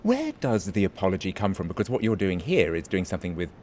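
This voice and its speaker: A man's voice: deep voice, huge pitch swings, fast talker, a little mellow. A man interviewing a guest, asking thoughtful, probing questions. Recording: faint background noise.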